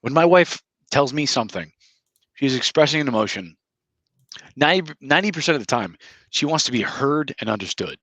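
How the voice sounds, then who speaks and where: A man's voice: medium pitch, animated, fairly quick, a bit bright, no echo, low-quality recording. A man in a casual podcast chat, giving advice in an emphatic, lecturing way and often repeating words. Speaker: podcast co-host. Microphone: headphones with mic.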